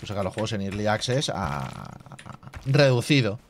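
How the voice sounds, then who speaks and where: A man's voice: on the low side, very animated, normal speed, a little hiss or hum. Chatty man thinking aloud over a game. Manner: thinks aloud, reading game menus half to himself; chatty asides to viewers with filler tags like "tío". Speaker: gaming channel host. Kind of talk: casual let's play commentary.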